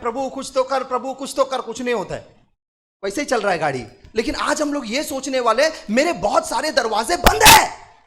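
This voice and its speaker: A man preaching a sermon at a night prayer meeting, repeating phrases and swinging from quiet murmurs to loud shouts as he calls out to the congregation. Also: very high-pitched. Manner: repetitive, call-and-response with the congregation. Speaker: pastor. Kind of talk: Hindi sermon.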